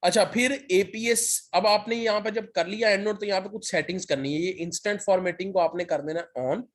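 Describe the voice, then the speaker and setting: Man teaching software with a sore throat. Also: sits high, fairly even intonation, a little fast. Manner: step-by-step, repeats "ठीक है" to check in. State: sore throat, occasional cough. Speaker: lecturer. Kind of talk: screen-share software tutorial.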